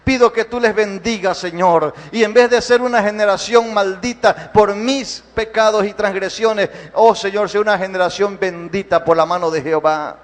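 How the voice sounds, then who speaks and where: A man with a high voice leads a congregation in prayer. He repeats his calls fervently, rising loud and then falling soft. His voice rings with the long reverb of a church hall. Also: steady tone, moderate pace, hardly any pauses. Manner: fervent, repetitive prayer calls, swells and drops in volume. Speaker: pastor. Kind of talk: sermon, leading congregational prayer. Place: church sanctuary.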